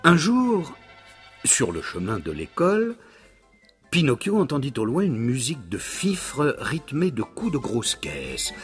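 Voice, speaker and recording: A man narrating a children's story in a dramatic storybook manner, slowing down for suspense. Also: mid-range voice, wildly swooping pitch. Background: soft background music.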